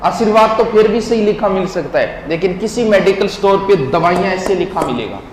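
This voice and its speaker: A man's voice: high-pitched, expressive, brisk. A man, teaching in a classroom lecture and drilling words syllable by syllable while quizzing his listeners. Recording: echoey hall with faint noise.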